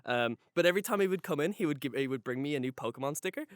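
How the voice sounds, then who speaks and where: A man's voice: on the high side, lively intonation, racing, dry recording, studio quality. A man hosting a podcast in casual chat, rambling along with lots of dude-and-man slang. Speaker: podcast host.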